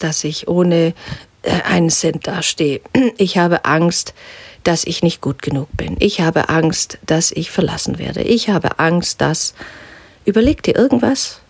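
A woman teaching a guided spiritual lesson, calmly instructive and sometimes dropping to a soft whisper. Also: fairly low pitch, slightly rough, no echo. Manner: calm, gently instructive, drops into soft whispers. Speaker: spiritual teacher guiding an exercise.

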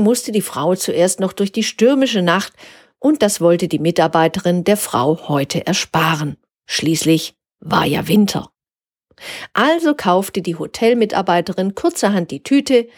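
A woman narrating a gentle story for her podcast, in a calm storytelling way. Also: on the low side.

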